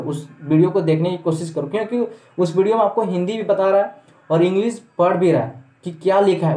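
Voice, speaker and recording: A man's voice: fairly high pitch, a little mellow. A man giving a casual spoken lesson in a YouTube video, repeating points reassuringly with frequent restarts and words. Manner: repetitive, reassuring, many restarts. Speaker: YouTube teacher. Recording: echoey room.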